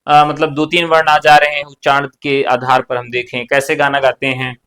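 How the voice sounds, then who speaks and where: Male online tutor, explanatory lecture delivery, poses questions then answers them himself, relaxed and chatty between points. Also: medium pitch, moderate pace, smooth. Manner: casual joking asides. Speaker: Hindi exam teacher. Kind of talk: online exam-prep lecture.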